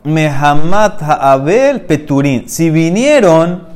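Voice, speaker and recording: Man explaining Talmud in an animated class. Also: fairly high pitch, takes it slowly. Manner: reads the text, then explains each phrase; addresses listeners directly, emphatic. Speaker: Talmud teacher.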